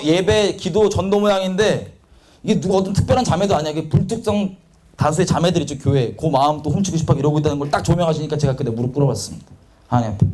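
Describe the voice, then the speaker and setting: A young man preaching a sermon, telling his own story in a confessional, animated way and acting out quotes. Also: high-pitched.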